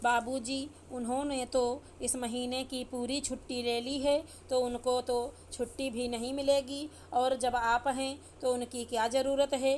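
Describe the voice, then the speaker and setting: A sharp-tongued young daughter-in-law, as a woman storyteller voices her, scolding and dismissive in a storybook reading. The voice sits a little high and runs flat and even. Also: a little slow, hardly any pauses, slight background noise. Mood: scornful.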